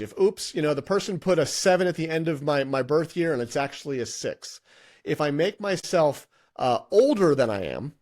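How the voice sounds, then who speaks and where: A man's voice: on the high side, a little mellow. A middle-aged man teaching an exam-prep lesson with slides, in a conversational way with many restarts and fillers. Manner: conversational, thinks aloud with frequent restarts and fillers. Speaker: licensing instructor.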